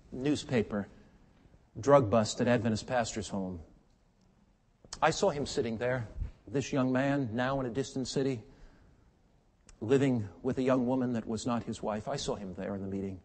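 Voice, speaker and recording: An older man preaching a sermon, swinging from loud, emphatic peaks to quiet, intimate storytelling. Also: medium pitch, normal speed, pauses often. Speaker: pastor. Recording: long hall reverb.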